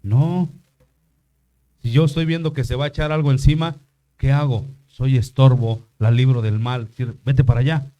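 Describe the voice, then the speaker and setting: A man's voice: medium pitch, steady tone, normal speed, mellow, dull audio. An older man preaching a sermon in church, asking the congregation questions as he goes. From Mexico. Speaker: pastor.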